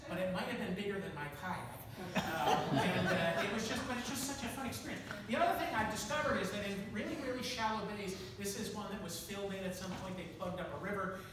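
A man in his sixties preaching a sermon, telling folksy stories with self-deprecating asides. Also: sits high. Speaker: pastor. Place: church sanctuary with pipe organ. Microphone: room camera from the back of the church. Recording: echoey church, distant camera, audible room noise.

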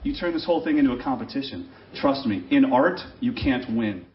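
A man in his forties gives an animated, urging talk on a large event stage, speaking into a handheld mic as a drum clinician. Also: medium pitch, brisk. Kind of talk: speaking to a live audience. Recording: echoey hall, dull sound.

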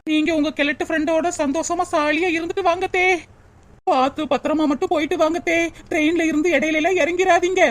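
A woman's voice: very high voice, fairly even intonation, fast talker. A woman voicing a sly young daughter-in-law in a cartoon, talking sweetly and respectfully. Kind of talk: cartoon voice acting.

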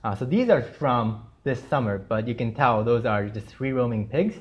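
This is a young Japanese man, Japanese being his first language, chatting informally about his art in a gallery lecture for students in a university lecture room with a projector screen, full of friendly fillers. His medium-pitched voice has lively intonation at a normal speed. The high frequencies are cut off.

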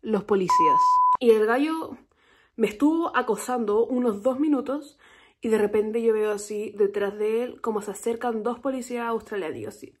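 A young woman with a Chilean Spanish accent telling a story to camera in a casual, animated vlog. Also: fairly high pitch, moderate pace, husky. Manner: chatty, animated storytelling with quoted reactions. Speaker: vlogger.

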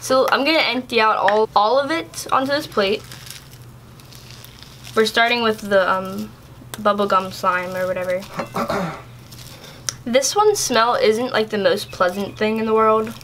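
A woman's voice: on the high side, measured pace, pauses often, fairly bright tone, slight background noise. A young woman casually reviewing products in a vlog, chatty and exasperated, with lots of filler words. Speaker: YouTuber.

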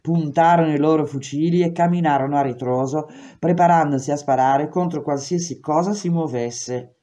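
A woman reading a memoir aloud in steady, measured first-person narration. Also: sits low. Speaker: reader.

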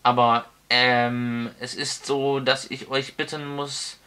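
A man's voice: medium pitch, little pitch movement, slow, pushed and bright, smooth. A man voicing a small, fussy male homeowner in an audiobook, stiffly polite and flustered. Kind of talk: audiobook character voice.

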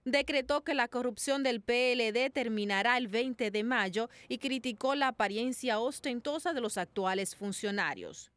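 A woman's voice: fairly high pitch, normal speed, hardly any pauses, a bit bright, no echo. A woman news reporter reading a neutral voice-over that summarizes a political speech.

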